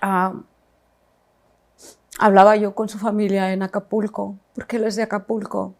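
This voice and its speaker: Gravelly woman giving a personal testimony. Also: medium pitch, flat delivery. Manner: halting, reflective, with restarts and pauses. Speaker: mother telling her own story.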